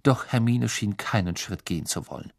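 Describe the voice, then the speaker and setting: Male storybook narrator, expressive and measured, a touch husky. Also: on the low side. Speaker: audiobook narrator.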